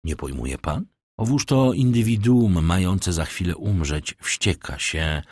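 A man voicing a cold, sardonic aristocratic count who lectures in measured, scornful tones in an audiobook. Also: low-pitched, darkish tone, no room sound, clean studio sound.

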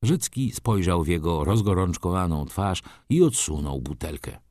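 Deep-voiced man reading a novel aloud. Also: animated, normal speed, a little mellow, no room sound, studio quality. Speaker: narrator. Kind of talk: audiobook reading of a classic novel.

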